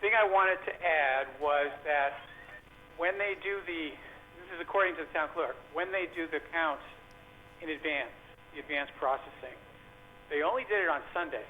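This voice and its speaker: A man calling in to a talk show over a landline phone, speaking casually with hesitant pauses and fillers. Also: a little high. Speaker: caller. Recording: dull lo-fi phone line with faint hiss.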